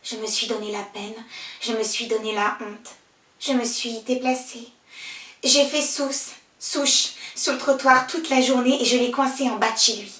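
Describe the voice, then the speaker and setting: A woman's voice: fairly high pitch, fairly even intonation, a little slow, far from the mic. Woman in an echoey theatrical monologue. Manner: wistful storytelling, swinging from hushed to loud and pleading. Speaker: actress performing a monologue. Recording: echoey room, voice from afar.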